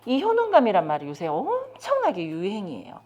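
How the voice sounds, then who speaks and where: In a lecture room, a middle-aged South Korean woman trains caregivers as a child development lecturer, her mid-range voice moving a little fast. She is lively and engages the audience directly with questions.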